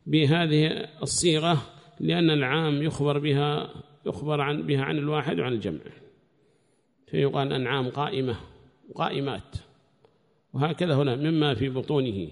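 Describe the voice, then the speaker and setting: A man's voice: on the high side, creaky, in a large hall. A man giving a scripture commentary lesson, explaining at length and repeating key phrases as he reasons aloud. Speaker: religious teacher.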